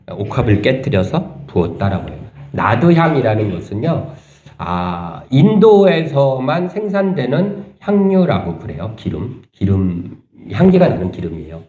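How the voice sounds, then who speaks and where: A man preaching a sermon as pastor, talking conversationally and asking the congregation rhetorical questions, turning animated and indignant at points. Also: medium pitch, measured pace, reverberant, muffled recording. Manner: animated, rising sharply when voicing indignation. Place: church sanctuary.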